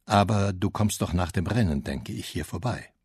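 A man voicing a lively young noblewoman who talks fast and too much, brightly, to hide her nerves, in a storybook reading. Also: low voice, breathy edge, no room sound, clean studio sound. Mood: nervous bright.

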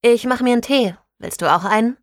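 A woman's voice: a little high, fairly quick, no echo, studio quality, pitched above the performer's own voice, lightly acted. A woman voicing a young female detective who talks in a casual, lightly teasing way in a storybook reading.

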